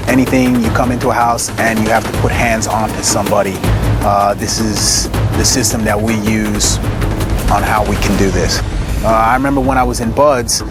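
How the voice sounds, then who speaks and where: A man from Trinidad and Tobago, a Navy SEAL instructor, giving an earnest, encouraging recruiting interview. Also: mid-range voice. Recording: music bed under voice. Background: music.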